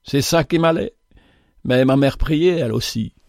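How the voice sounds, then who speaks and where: A man voicing a gruff, remorseful male bandit leader in an audiobook, with an earnest, brusque delivery. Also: medium pitch, moderate pace, a little mellow, no room sound, studio quality, natural voice.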